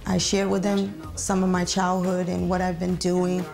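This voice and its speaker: Gravelly low-voiced woman, halting testimony. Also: monotone. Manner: halting, with many fillers and pauses. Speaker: interviewee sharing her testimony. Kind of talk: reflective testimony interview. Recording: soft music underneath.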